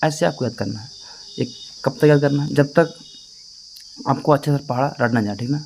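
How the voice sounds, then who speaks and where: A man's voice: medium pitch, moderate pace, vocal fry, a little mellow, slight background noise, low-quality recording. Patient male teacher chanting tables. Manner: patient and repetitive, chants times tables in a sing-song rhythm; keeps checking in with the listener. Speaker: math teacher. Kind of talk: classroom-style tutorial.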